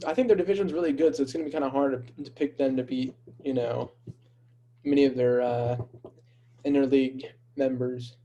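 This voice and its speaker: A man's voice: medium pitch, fairly even intonation, fairly quick, warm tone, muffled recording. A man co-hosting a casual sports podcast, talking in an easygoing, hesitant way. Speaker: podcast co-host.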